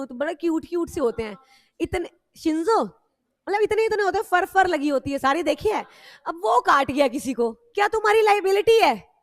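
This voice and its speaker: A woman law teacher, lecturing a class in a loud, animated way, teasing her students and mixing with English. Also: high-pitched, dry recording, clean studio sound.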